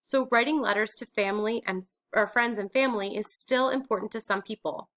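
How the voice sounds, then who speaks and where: A woman's voice: mid-range voice, fairly quick, a bit bright. A woman teacher explaining a grammar lesson step by step, asking and answering her own questions.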